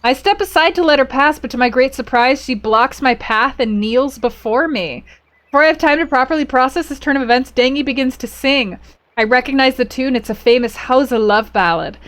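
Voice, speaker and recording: A woman's voice: high-pitched, a little fast, fairly bright tone. A woman streaming a strategy game live. She reads the event text aloud, reacts with playful exclamations and talks to her chat.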